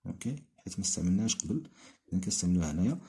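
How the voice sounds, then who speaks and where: A man with a Moroccan Arabic accent explaining an English grammar lesson, reading the English example sentences slowly. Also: deep voice, expressive, dark tone. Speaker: English teacher.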